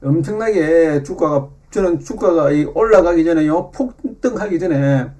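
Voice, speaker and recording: A middle-aged man giving a slow, repetitive lesson on stock charts, often filling pauses with short affirmations. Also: a little high, mellow. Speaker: stock market commentator.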